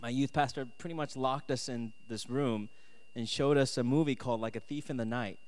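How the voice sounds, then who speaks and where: Speaking fairly quickly with a steady, smooth, darkish medium-pitched voice, a man preaches to students in a conversational manner, reading scripture and giving personal testimony. He was born in South Korea and moved to the US at ten, and he punctuates his points with "right?" and "okay?". The hall is echoey, with long reverb.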